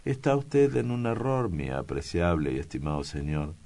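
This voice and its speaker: A man's voice: deep voice, sing-song, moderate pace, warm tone. A man voicing a timid old male secretary who speaks in ornate, obsequious phrases. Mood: fussy.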